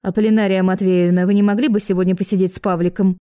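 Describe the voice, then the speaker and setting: A woman's voice: mid-range voice, little pitch movement, quick pace, mellow, clear, resonant tone, dry recording, clean studio sound, close to an everyday voice. A woman voicing a jealous, spiteful young mother who gloats and rants. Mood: dramatic.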